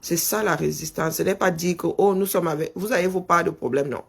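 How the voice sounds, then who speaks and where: A man's voice: a little high, fairly quick, vocal fry, fairly bright tone, breathy edge. A middle-aged man with a Cameroonian French accent hosting a political live stream, pressing his point with rhetorical questions and calling out punctuation as he speaks. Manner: insistent, rhetorical questions, dictates punctuation aloud.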